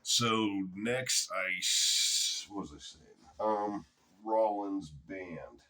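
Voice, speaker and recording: A man's voice: fairly low pitch, very slow, pushed and bright. A middle-aged man telling a rambling, casual story to camera, swearing freely. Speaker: channel host.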